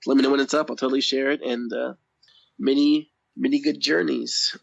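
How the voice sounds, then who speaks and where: Hoarse, gravelly man losing his voice. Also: medium pitch, steady tone, brisk. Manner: rambling, enthusiastic, laughs often. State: hoarse, voice going out. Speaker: podcast guest. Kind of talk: casual interview chat. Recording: dull lo-fi audio.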